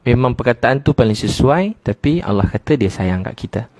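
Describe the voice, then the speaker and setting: Animated Malaysian preacher man, dry sound. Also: mid-range voice, no echo. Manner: animated storytelling, chants phrases slowly in a sung tone. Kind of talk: humorous sermon to a congregation.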